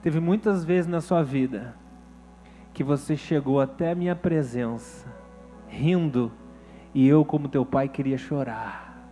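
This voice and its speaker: A solemn, tender voice of God as a loving father, put on by a male preacher. It sits well below his usual pitch and comes slow and grave. Each word is weighed. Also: dark tone, soft background music, close to an everyday voice.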